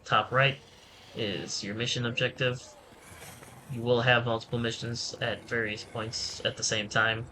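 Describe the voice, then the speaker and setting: A man giving a relaxed, rambling, self-deprecating let's-play tutorial commentary. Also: mid-range voice, measured pace, a little hiss or hum, rough recording. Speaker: gaming channel host. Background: game music.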